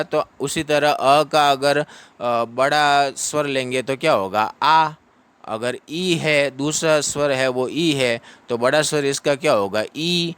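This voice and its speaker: Calm man teaching slow Sanskrit recitation. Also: medium pitch, clear, resonant tone. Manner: drawn-out syllable-by-syllable chanting between brisk explanations. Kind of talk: patient pronunciation lesson.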